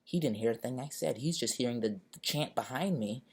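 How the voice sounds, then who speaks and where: A man's voice: medium pitch, a little fast, darkish tone, husky. Emphatic man venting a raw story. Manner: emphatic, profane storytelling that acts out the people in the scene. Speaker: vlogger. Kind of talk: raw personal retelling of a protest.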